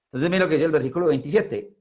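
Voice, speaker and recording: A man's voice: a little high, racing, darkish tone. A man teaching an online Bible class from home in a conversational way, often checking in with his listeners. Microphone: video call.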